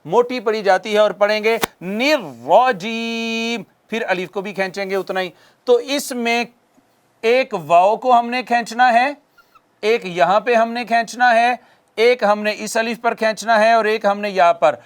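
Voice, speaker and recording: A man teaching Quranic recitation on a TV lesson, explaining patiently to viewers and drawing out Arabic phrases slowly as models to repeat. He speaks with a Pakistani Urdu accent. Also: high voice, clean tone. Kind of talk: televised tajweed lesson.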